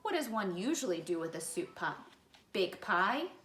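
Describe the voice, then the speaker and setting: A woman's voice: mid-range voice, big pitch swings, moderate pace, a bit bright, echoey room, slight background noise. A woman voicing a scruffy, nasty-tempered male varmint from a storybook, snarling and barking orders. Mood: grumpy, sarcastic.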